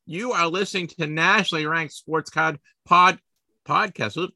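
A podcast host from the Boston area in the US chats casually about sports collectibles, rambling and poking fun at himself as he trips over his words. His voice is a little high, gravelly, bright, and forceful, at a moderate pace with no room sound.

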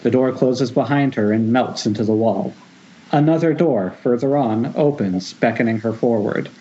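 At an informal table read held over a group Skype call, a man reads the screenplay's directions, sometimes tripping up and beginning again. He speaks at normal speed with a medium pitch and dark tone, and the call sounds dull and noisy.

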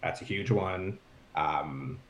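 A man's voice: deep voice, takes it slowly. A man in his forties, a guest on a podcast, explaining things in an easygoing, rambling way. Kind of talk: casual chat. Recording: roomy echo.

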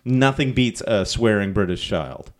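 Male podcast host, lowish voice, loose and chatty, quick to laugh. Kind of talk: casual podcast chat.

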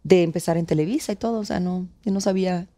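A woman's voice: lowish voice, quick pace. A woman in her thirties, born in Cuba and speaking with a Mexico City accent, telling stories as an actress guest in a casual interview, acting out quotes. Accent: Mexico City Spanish. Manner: lively storyteller acting out quotes.

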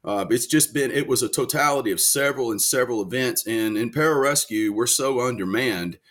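In a casual interview, a North Louisiana man in his forties, a military veteran and country singer, tells detailed stories as a guest. His medium-pitched, slightly bright voice moves a little fast, earnest and packed with fillers.

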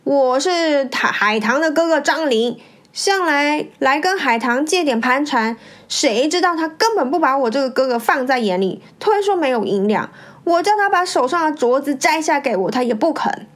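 A woman's voice: sits high, expressive, moderate pace. Woman doing a stammering, aggrieved brother. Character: young man, poor brother seeking money. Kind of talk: storybook reading.

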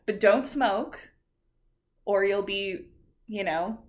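A woman in her late twenties with a raspy, vocal-fry voice, chatting casually and bluntly as a podcast co-host. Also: medium pitch, slow. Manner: blunt, swearing freely. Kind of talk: casual chat.

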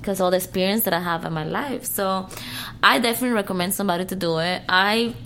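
A woman's voice: medium pitch, fast, sharp tone, a little hiss or hum. Giggly woman. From Cuba. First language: Spanish. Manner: giggly, talks in non-standard English grammar. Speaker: interview guest. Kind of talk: casual interview chat.

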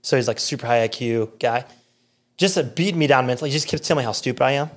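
A man with an American accent, a podcast guest, telling a story in casual, animated chat with lots of fillers and quoted voices. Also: mid-range voice, quick pace.

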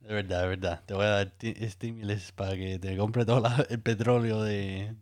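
A man's voice: on the low side, steady tone, fairly quick, darkish tone, clean studio sound. A man co-hosting a casual chat, laughing along and echoing his partner. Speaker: podcast co-host.

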